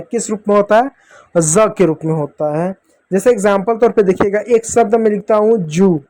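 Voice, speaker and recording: A man's voice: high voice, a little mellow. A man teaching English pronunciation to beginners, drilling each word step by step and answering his own questions. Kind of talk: explaining a phonics lesson to beginners.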